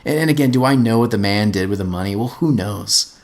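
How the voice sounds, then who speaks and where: A man's voice: lowish voice, a little fast. A middle-aged man, a podcast host, telling a personal story in an earnest way and often repeating words as he gets going.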